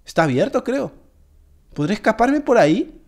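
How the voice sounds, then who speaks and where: Excitable man commentating a game. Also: high-pitched, normal speed. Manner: jokey, excitable, talks straight to viewers. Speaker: gaming video creator. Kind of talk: casual gameplay commentary.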